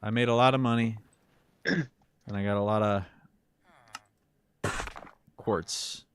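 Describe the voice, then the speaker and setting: A man streaming a village-building game, chatting casually and muttering quietly to himself as he plays. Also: fairly low pitch, fairly even intonation, slow, noisy background. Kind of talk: casual live-stream chat.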